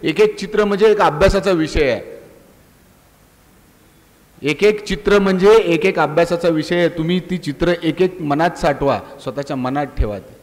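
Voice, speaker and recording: A middle-aged police inspector giving an animated speech to college students, firing rhetorical questions, scolding and urging them. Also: male voice, fairly high pitch, normal speed. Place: college auditorium. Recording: long hall reverb.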